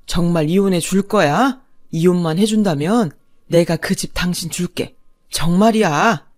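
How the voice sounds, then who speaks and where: A woman's voice: fairly low pitch, unhurried, darkish tone, dry recording, studio quality. A woman voicing an arrogant, bullying older father-in-law who bellows insults. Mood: eager.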